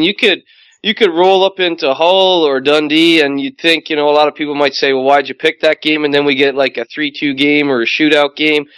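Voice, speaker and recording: A hockey commentator speaks with a Canadian accent in quick, rambling bursts. His voice is smooth and a touch high. The sound is dry and close. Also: fairly bright tone, no room sound. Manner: fast, rambling analysis with fillers. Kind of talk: casual sports chat.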